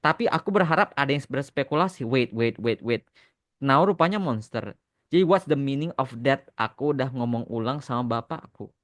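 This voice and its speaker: This Indonesian man, an animation creator answering podcast questions, speaks at normal speed with a medium-pitched, fairly bright voice and lively intonation. His tone is casual, and he sprinkles English phrases into his explanations.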